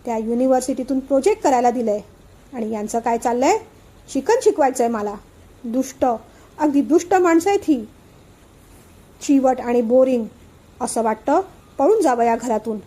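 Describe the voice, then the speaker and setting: Woman doing a headstrong young woman in an audio story, indignant and sulky, high mellow voice. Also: poor audio. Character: defiant young bride-to-be, stubborn and sulky.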